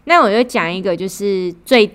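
A young woman, co-hosting a podcast and telling a travel story in a casual, animated way. She acts out the quoted lines and swears now and then. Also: medium pitch, moderate pace, smooth. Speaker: podcast co-host.

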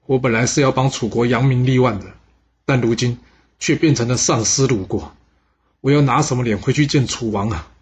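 A man's voice: medium pitch, fairly even intonation, brisk, slight background noise, lightly acted. A man doing a proud defeated general. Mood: ashamed.

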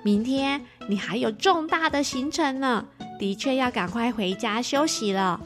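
A woman voicing a friendly young dolphin in a children's storybook, speaking in a caring, gentle way. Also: a little high, a little slow, faint music behind, lightly acted. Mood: kind.

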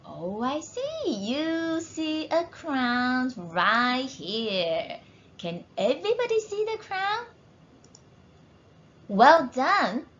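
A woman teacher reads a picture book aloud for children and asks them questions along the way. Her voice is bright and lively in pitch, and she speaks very slowly. The recording sounds slightly muffled. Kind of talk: reading a storybook to children.

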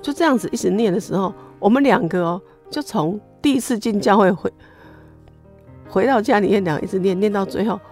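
Soft music plays behind a middle-aged woman with a Taiwanese Mandarin accent who talks fairly quickly in a mid-range voice. She is an interview guest sharing her personal faith testimony, storytelling animatedly with many exclamations.

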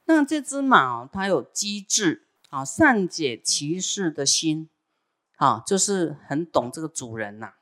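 Brief: woman teacher, lowish voice, chatty Buddhist storytelling. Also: big pitch swings, measured pace, fairly bright tone. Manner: chatty, frequent fillers "哈".

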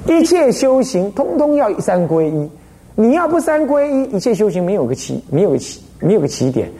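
A man's voice: high-pitched, very animated, a little fast, mellow. An older man, a Buddhist abbot giving a dharma lecture in a teacherly way, often checking in with rhetorical questions.

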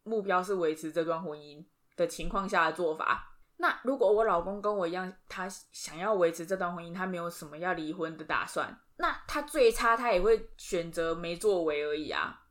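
Woman, podcast co-host, low-ish voice, chatty and animated. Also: moderate pace. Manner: chatty, animated storytelling with frequent fillers. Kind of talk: casual chat.

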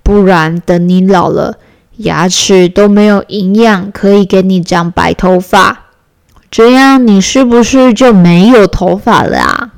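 A woman voicing a gentle, teasing father bear in a children's bedtime story. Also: mid-range voice, lively intonation, unhurried, vocal fry.

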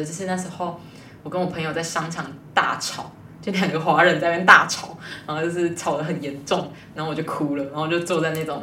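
A young woman, a guest telling a personal story in a rambling, lively way. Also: deep voice, a little hiss or hum. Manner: rambling, lively retelling with quoted dialogue. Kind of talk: casual storytelling in an interview. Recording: distant mic, roomy echo.

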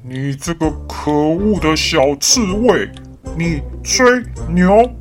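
A woman doing a loud, bossy, boastful giraffe. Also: fairly low pitch, animated, a little slow, over music. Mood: scornful. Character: tall boastful giraffe, proud and mocking.

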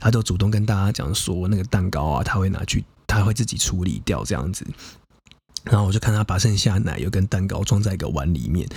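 A man's voice: deep voice, expressive, quick pace, creaky, darkish tone, breathy edge, no room sound. A young adult man, hosting a podcast and casually telling a personal story in a frank, profane, chatty way full of fillers. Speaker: podcast host.

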